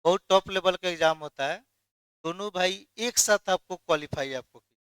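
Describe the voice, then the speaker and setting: Male chemistry tutor, high clear voice, dry close sound, quizzes the class and supplies the answers. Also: moderate pace, fairly bright tone, dry recording. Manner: quizzes students, then answers his own questions. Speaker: chemistry teacher. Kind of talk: classroom lecture.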